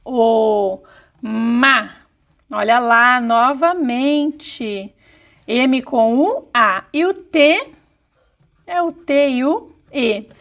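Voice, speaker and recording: A woman teaching young children in a recorded video lesson, sounding out words slowly syllable by syllable. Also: high voice, a bit bright. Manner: slow, careful syllable-by-syllable dictation. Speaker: primary school teacher.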